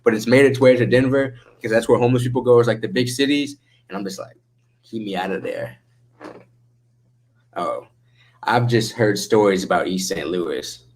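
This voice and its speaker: This livestream host speaks a little fast at medium pitch, his stoner drawl easygoing as he chats with viewers. Slang and swearing flow freely.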